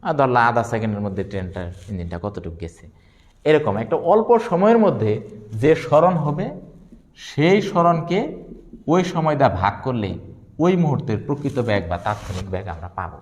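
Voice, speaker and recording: A man, lecturing on physics, who asks questions and answers them himself and repeats key terms slowly. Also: mid-range voice, expressive, long reverb tail. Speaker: physics teacher. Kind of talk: classroom lecture.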